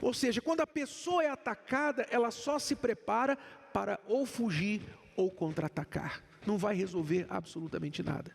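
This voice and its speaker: A man's voice: high-pitched, normal speed, vocal fry, slightly rough. A man giving a church-style talk about relationships, explaining with a live demonstration. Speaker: speaker at a couples' talk. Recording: long hall reverb.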